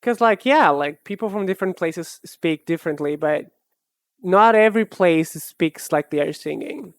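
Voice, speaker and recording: A Brazilian art streamer, a native Portuguese speaker with a Brazilian accent, chats casually with their live chat in a mid-range voice at a moderate pace. They sound musing and hesitant, often restarting sentences, and the recording is clean studio sound with no echo.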